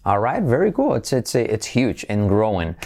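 Energetic bilingual teacher. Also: male voice, lowish voice, a little slow. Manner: energetic, repeats drill phrases, switches between Spanish and English. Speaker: English teacher, channel host. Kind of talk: bilingual English pronunciation lesson.

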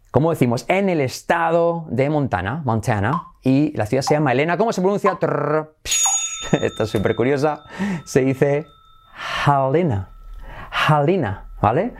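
With a slightly mellow voice on the high side, this Spanish-accented teacher from Spain runs a bilingual English pronunciation lesson. He keeps it playful, drilling words with exaggerated stress.

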